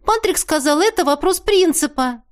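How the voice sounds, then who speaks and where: A woman's voice: very high-pitched, expressive, normal speed, voice pushed up. A woman voicing a spoiled young woman who whines and pleads with her cousin. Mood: petulant. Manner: whining, pleading.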